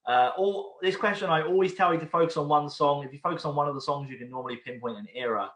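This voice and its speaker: A man's voice: on the high side, fast, fairly bright tone. A man from the UK hosting an online pub quiz from home, chatting casually, rambling between questions and repeating each question. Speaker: quiz host. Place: room at home. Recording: roomy home recording.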